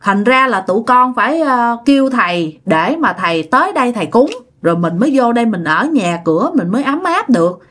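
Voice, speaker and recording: A woman's voice: a little high, sing-song, brisk, hardly any pauses, a bit bright. A woman voicing a worried older mother-in-law who explains things plainly in the narrator's own voice. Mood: concerned.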